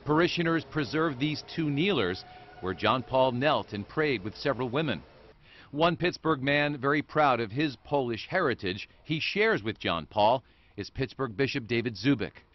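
A man's voice: medium pitch, lively intonation. Male TV news reporter, dull broadcast audio. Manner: measured, formal delivery.

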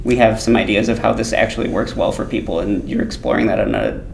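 Casual interviewer with a gravelly voice. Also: male voice, quick pace. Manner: casual, thoughtful, many backchannels. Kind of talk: expo interview. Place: booth at a tech expo, indoors. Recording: roomy expo hall with faint rumble.

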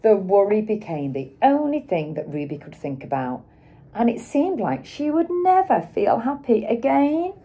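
A middle-aged woman reads a children's picture book aloud like a teacher, with dramatic emphasis and pauses for young listeners. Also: fairly high pitch, big pitch swings, dark tone, husky. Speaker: schoolteacher reading aloud.

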